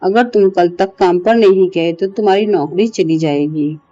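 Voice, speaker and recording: Woman playing a frightened young wife, pleading, warm low voice. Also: moderate pace, no echo, lo-fi sound, faint music behind, lightly acted.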